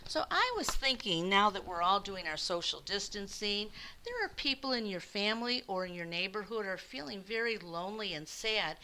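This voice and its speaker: In a mid-range voice at ordinary speed, an elderly storyteller, sixties or beyond, addresses young children kindly and with plenty of animation. The recording is rough and carries background hiss.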